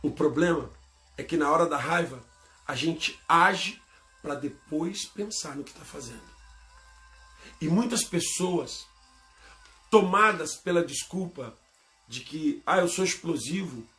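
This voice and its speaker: A man preaching a sermon as pastor, with a Brazilian Portuguese accent, swinging between loud emphatic bursts and quiet low asides. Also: lively intonation, takes it slowly, long pauses, soft background music.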